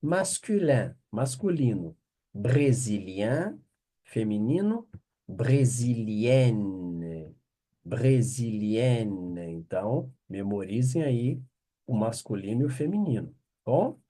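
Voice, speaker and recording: A man's voice: medium pitch, big pitch swings, warm tone, slightly rough. Patient Brazilian-Portuguese-speaking man teaching French. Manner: explains patiently, checks in with "tá bom?" and "né?", repeats French words slowly. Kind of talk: online language lesson.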